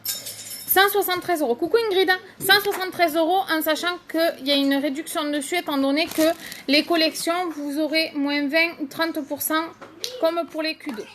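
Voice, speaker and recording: A high-voiced woman chats through a casual live stream, greeting viewers by name as she shows off makeup. Her talk is loose and full of fillers. A faint hiss sits behind her voice. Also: steady tone, moderate pace, a bit bright.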